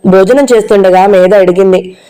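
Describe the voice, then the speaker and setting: A woman narrating a novel as an audiobook reader, in a steady, even storytelling manner. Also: medium pitch, normal speed, clear, resonant tone, poor audio.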